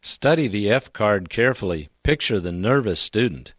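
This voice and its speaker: Calm low-voiced male instructor, dull dry recording. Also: normal speed, breathy edge, dry recording. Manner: calm, patient, coaching with repeated drill phrases. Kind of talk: scripted instructional narration.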